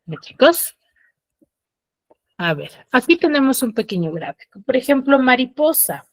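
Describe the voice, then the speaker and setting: A woman with a fairly high-pitched voice runs a secondary school lesson by video call. She keeps quizzing the class and often uses quick tag questions to check they understand, and there's no echo on the recording.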